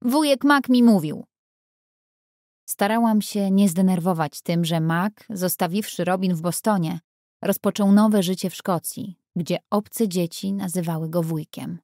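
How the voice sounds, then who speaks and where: Woman narrating an audiobook, low and dry. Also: no room sound. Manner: measured, even reading. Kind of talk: first-person audiobook narration. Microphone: close studio mic.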